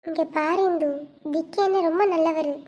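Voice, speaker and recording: A woman's voice: very high voice, fairly even intonation, normal speed, darkish tone, highs cut off. A woman voicing a caring college friend in a cartoon, coaxing and reassuring. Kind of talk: cartoon web series voice acting.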